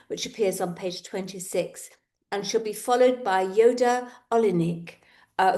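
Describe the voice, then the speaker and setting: A woman's voice: mid-range voice, a little mellow. A woman hosting a poetry launch, introducing the next readers with short bios and some fillers. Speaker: event host. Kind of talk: introducing poets.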